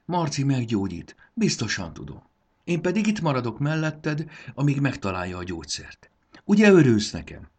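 Man putting on a little fairy girl voice, high, gentle, fussing, kind. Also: huge pitch swings, husky. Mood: tender.

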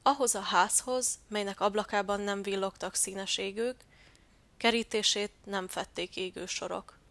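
Woman gently narrating a storybook. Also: mid-range voice, steady tone, no room sound.

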